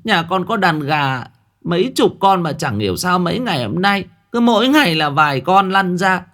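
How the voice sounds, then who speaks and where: A man voicing a fawning village woman who begs a sorcerer for help, in a high squeaky wail. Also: very animated, moderate pace, a bit bright. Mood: pleading.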